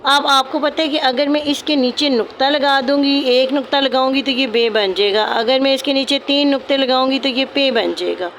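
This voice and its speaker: A woman gives a patient, step-by-step calligraphy lesson. Her voice sits a little high, and she often goes back over her points. Faint noise is audible behind her. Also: moderate pace, few pauses, a bit bright. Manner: patient, repeats points, calls students "beta". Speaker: calligraphy teacher.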